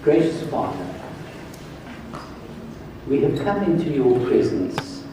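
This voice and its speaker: An older man from South Africa addressing a congress as a church health director, speaking slowly and earnestly. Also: medium pitch, sing-song, background noise. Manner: slow, earnest, emphatic. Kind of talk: conference address and prayer. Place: large hall, on stage. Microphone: far camera, room mic. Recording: very echoey hall from far off.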